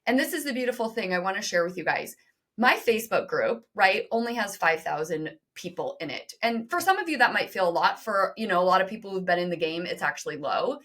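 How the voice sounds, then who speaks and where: A woman's voice: mid-range voice, expressive, fairly bright tone. Woman on a podcast going hard, emphatic and direct, talks to listeners like she's coaching them. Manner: emphatic, direct, fast-talking, addresses listeners. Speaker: podcast guest, business co-founder. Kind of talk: energetic interview talk.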